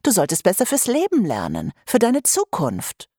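A woman's voice: mid-range voice, huge pitch swings, normal speed, dark tone, slightly rough, no room sound, studio quality. A woman reading a stern, blunt mother. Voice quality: blunt, scolding. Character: stern, practical mother, middle-aged woman. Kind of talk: audiobook character voice.

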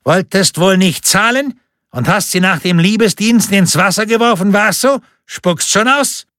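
A man's voice: sits high, measured pace, fairly bright tone, dry recording, studio quality, voice pushed up. A man voicing a scrawny, sniffling bailiff who is spiteful and pompous, with a bullying, sneering manner.

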